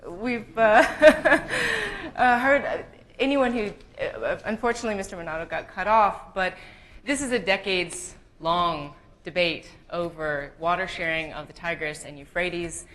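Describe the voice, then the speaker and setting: Woman moderator at a conference panel, lowish voice, lots of uhs while asking her question. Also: animated, unhurried, fairly bright tone, low-quality recording. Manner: hesitant, laughing, many fillers.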